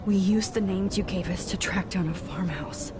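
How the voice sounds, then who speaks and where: A woman voices a gentle, troubled young game heroine. She speaks softly and hesitantly at an average pitch. Loud noise runs behind her. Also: normal speed, natural voice. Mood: sorrowful.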